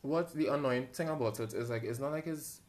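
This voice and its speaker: A man's voice: mid-range voice, fairly quick. A man co-hosting a podcast, chatting casually and often hesitating with "um". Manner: hesitant, many "um" fillers. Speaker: podcast co-host. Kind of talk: casual chat.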